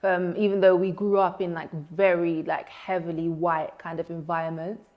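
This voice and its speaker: A woman's voice: lowish voice, flat delivery, normal speed, lo-fi sound. A young woman guest chats in an easygoing, conversational way. She often circles back with "like" and "um" as she explains her background. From Netherlands. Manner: chatty, frequent "like" fillers. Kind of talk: casual interview chat.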